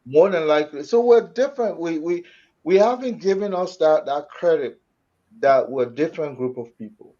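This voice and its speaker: Liberian accent guy, kinda high voice, explaining and repeating himself, muffled lofi talk show. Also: expressive, moderate pace, mellow. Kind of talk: conversational talk show discussion. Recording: dull lo-fi audio.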